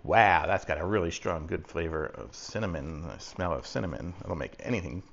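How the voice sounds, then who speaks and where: A man's voice: low voice, lively intonation, moderate pace, creaky, fairly bright tone. A man from Texas talking in an easygoing, folksy, rambling way through a casual unboxing review. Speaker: product reviewer. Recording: muffled audio with faint background noise.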